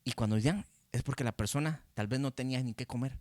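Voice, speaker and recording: A Costa Rican man preaching a teaching sermon, his voice sitting at an ordinary middle pitch. He talks loosely and conversationally, often tagging his points with a questioning "¿verdad?". The sound is close and dry, from a handheld mic with no room echo. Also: fast, darkish tone. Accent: Costa Rican Spanish. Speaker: pastor. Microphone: handheld microphone facing a camera.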